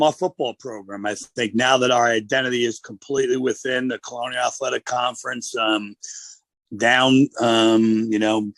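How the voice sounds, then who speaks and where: Male football coach as a radio guest; gravelly, steady, measured delivery, dry close sound. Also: mid-range voice, dry recording.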